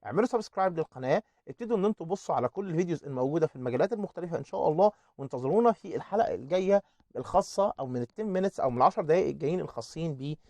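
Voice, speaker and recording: A man with an Egyptian Arabic accent teaching an online English lesson, repeating words slowly to drill their pronunciation. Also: on the high side, expressive, creaky, mellow, no echo.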